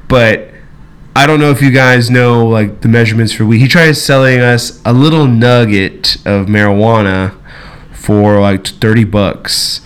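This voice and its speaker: A man telling a story in loose, casual podcast chat. His pitch sits in the middle, and he rambles with many fillers, restarts and curse words. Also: steady tone, measured pace, clean tone. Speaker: podcast co-host.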